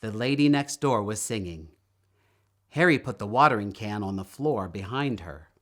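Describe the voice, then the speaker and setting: This storybook reader is a man with a lowish voice. He reads a children's tale aloud in an expressive, unhurried storytelling style.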